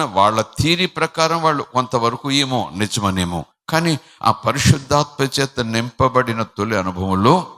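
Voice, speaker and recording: A man pastor giving a Sunday sermon, preaching with passion and moving between loud emphasis and hushed asides. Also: on the high side, in a large hall.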